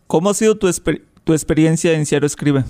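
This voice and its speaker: A man's voice: a little high, fast, warm tone, no echo. Man, radio host, polite and formal, resonant voice, dry sound. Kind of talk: radio interview.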